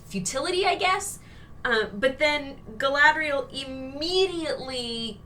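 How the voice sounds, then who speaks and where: A woman's voice: a little high, pushed and bright, distant mic, a little hiss or hum. A woman co-hosting a casual review chat, talking in a sarcastic way with many fillers. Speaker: co-host reviewing a TV episode.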